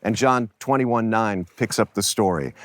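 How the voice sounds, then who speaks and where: A man's voice: lowish voice, measured pace, no room sound. A man teaching from the Bible in a reflective, storytelling manner. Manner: storytelling, reflective, animated retelling. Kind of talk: devotional teaching on location.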